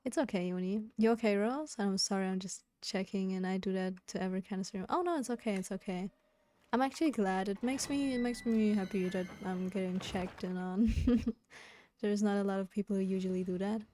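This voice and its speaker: A woman live streaming a video game, chatting casually with viewers in a quiet voice kept down at home, sounding a little sleepy. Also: medium pitch, brisk, a little hiss or hum. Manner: quiet, keeping voice down for a sleeping roommate. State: sleepy, yawning. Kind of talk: relaxed casual chat with viewers. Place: indoors at home. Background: game music.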